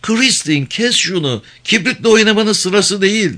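A man's voice: lively intonation, normal speed, sharp tone. A man voicing a frightened six-year-old girl who pleads and begs in a storybook reading. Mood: commanding. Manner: high-pitched, pleading.

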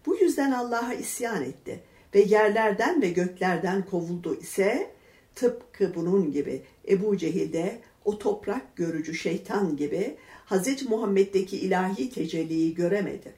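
A woman narrates a religious tale at a measured pace, and her pitch rises and falls with expression. Her voice has a middle pitch. The recording carries a roomy echo. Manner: measured, expressive reading with verse numbers read aloud. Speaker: reader. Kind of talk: narrated religious storybook reading. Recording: echoey room.

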